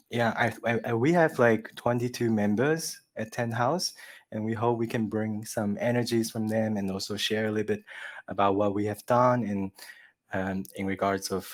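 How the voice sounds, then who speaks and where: A man in his thirties from Taiwan, a visual artist speaking casually on a panel, hesitant with many fillers and restarts. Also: fairly low pitch. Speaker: visual artist, collective member.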